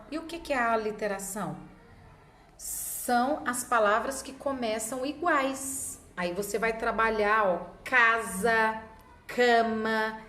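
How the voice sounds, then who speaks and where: A woman literacy teacher explaining classroom methods to other teachers, sometimes acting out how she chants words with children. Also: fairly high pitch. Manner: demonstrates classroom chanting, slow and deliberate. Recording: echoey room with faint ambience.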